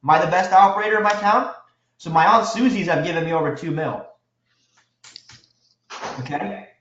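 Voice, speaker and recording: A man teaching a live real estate seminar, energetic and quizzing his audience with questions. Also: sits high, moderate pace, a little hiss or hum. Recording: echoey room, dull lo-fi sound.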